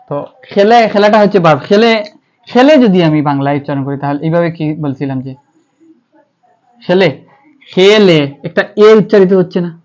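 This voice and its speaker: A man's voice: a little high, darkish tone. A man with a Bangladeshi accent teaching English grammar. He asks questions and answers them himself, and spells words out letter by letter. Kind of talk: classroom-style lecture. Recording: slightly dull, lo-fi.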